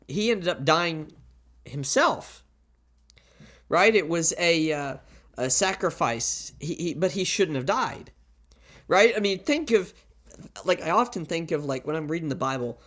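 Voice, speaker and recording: A man's voice: on the high side, fairly bright tone. A man preaching a sermon into a pulpit microphone, in a plain conversational way, often asking rhetorical questions and stacking up repeated warnings.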